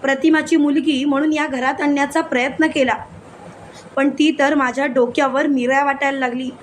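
Brief: woman narrator, high bright voice, recaps a serial, reads every role in her own voice, faint background hum. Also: normal speed. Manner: steady narration, voicing each character's lines plainly. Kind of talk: retelling a serial with read-out dialogue.

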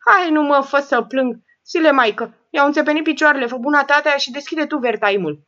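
A woman voicing a shrewd, sharp-tongued rich old woman who scolds and mocks the people around her. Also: high-pitched, dull audio, pitched above the performer's own voice. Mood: mocking. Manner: scolding, sarcastic, bossy.

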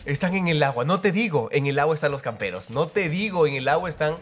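A man giving live, excitable commentary over his own gameplay, repeating words in rapid bursts and cheering. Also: a little high. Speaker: mobile game player and creator. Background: faint game music and gunfire.

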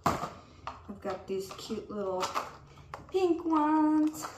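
A young woman chats slowly through a haul of baby gifts, slightly out of breath from pregnancy. Her voice sits back from the mic in an echoey room. Steady background noise runs underneath. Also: high-pitched, recorded from a distance. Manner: slow, unhurried show-and-tell of items. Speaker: vlogger. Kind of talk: casual haul vlog.

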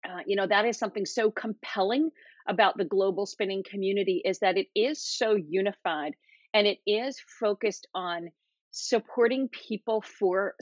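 A woman's voice: mid-range voice, no room sound. A woman in her thirties hosting an interview, upbeat and affirming, speaking from a home office. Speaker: host, senior advisor. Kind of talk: video call interview. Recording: dull lo-fi video call audio.

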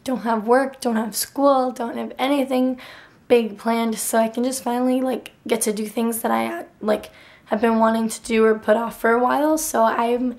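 Young woman vlogger, casual delivery, hoarse raspy whisper as if the voice is almost gone, slightly high register. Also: steady tone, moderate pace, darkish tone. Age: young adult. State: hoarse, nearly lost voice, dry throat. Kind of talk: casual vlog chat. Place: bedroom, indoors. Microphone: handheld camera at arm's length.

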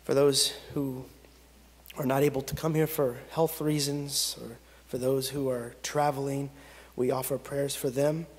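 A man in his thirties, a pastor, leading a pastoral prayer and reading scripture from the pulpit in slow, measured phrases with long pauses. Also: medium pitch, flat delivery. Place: church sanctuary at a pulpit. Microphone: pulpit gooseneck microphone. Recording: long reverb of a church sanctuary.

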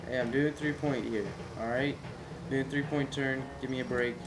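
A man's voice: medium pitch, steady tone, moderate pace, low-quality recording. A man giving casual gaming commentary, often talking back to the characters in the game. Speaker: gameplay commentator. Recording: game music behind. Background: video game music.

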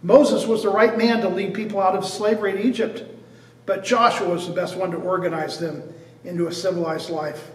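A man's voice: sits high, fairly even intonation, a little fast. An older man preaching a sermon at a church pulpit, earnest and repetitive, stressing each point. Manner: earnest preaching with repeated phrases and restarts. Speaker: pastor. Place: church sanctuary in front of a stained glass cross. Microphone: far camera at a pulpit. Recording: echoey church heard from a distance.

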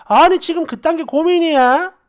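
A woman's voice: extremely high pitch, normal speed, pitched above the performer's own voice. Woman voicing a scornful, mocking friend. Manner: harsh, mocking, insulting.

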